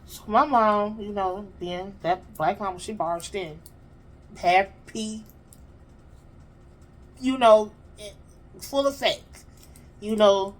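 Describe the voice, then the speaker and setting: A woman's voice: mid-range voice, slow pace, long pauses. Chatty woman telling a story to viewers. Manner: animated, chatty, talks straight to the audience. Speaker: vlog host.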